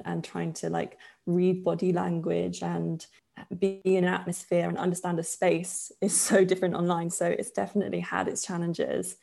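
Twenty-something woman from poland chatting on a podcast, kinda low gravelly voice, mellow, lots of ums and likes. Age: 20s. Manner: relaxed, chatty, laughs often, many fillers. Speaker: podcast guest, yoga teacher. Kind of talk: casual interview chat.

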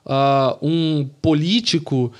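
A man discussing a serious topic in a deliberate way, pausing and restarting with fillers. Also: a little high.

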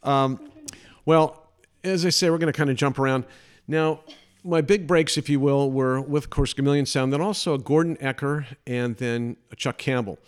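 An older man hosting a podcast, telling chatty, animated anecdotes from his career. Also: mid-range voice, clear, resonant tone. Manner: chatty, animated anecdotes with put-on quoted voices. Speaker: podcast host. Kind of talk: casual storytelling.

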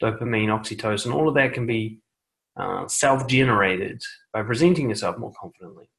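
A YouTube dating and confidence coach sits indoors recording a direct-to-camera monologue on speaking confidently. His voice is fairly low with vocal fry, and the recording is rough. He speaks in a measured, deliberate way, pausing often on a quiet "okay" and repeating words for emphasis.

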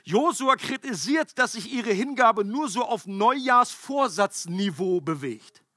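Male preacher, high bright voice, husky tone, emphatic conversational sermon. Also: a little slow, no echo, studio quality. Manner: conversational, emphatic preaching with animated acted-out quotes.

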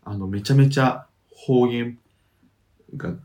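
A man's voice: mid-range voice, slow, a little mellow. A man co-hosting a casual podcast, chatting and laughing easily, sometimes reading listener letters aloud. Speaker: podcast co-host. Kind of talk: casual chat.

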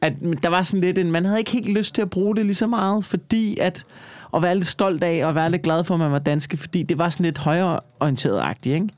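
A man co-hosting a podcast in casual chat, animated and emphatic, with frequent swearing. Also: sits high, no echo. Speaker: podcast co-host.

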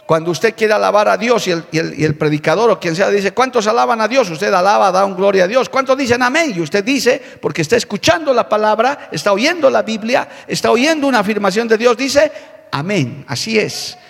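A man preaches a fervent church sermon in a high, gravelly voice. He stretches key words slowly, then hurries through phrases. His voice rings with the long reverb of a large church hall. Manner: fervent preaching, repeats "hermano" and "alabado el nombre de Jesús". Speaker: pastor. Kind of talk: sermon with opening prayer.

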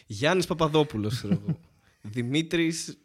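A man co-hosting a comedy podcast, joking and laughing often in casual chat. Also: breathy edge. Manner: laughing, joking, lively pitch. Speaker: podcast co-host.

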